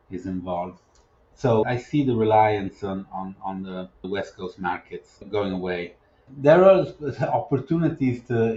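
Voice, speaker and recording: A man who works as a business development advisor, answering interview questions in a measured, explanatory way and often restarting his sentences. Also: sits low, darkish tone, roomy sound, muffled recording, a little hiss or hum.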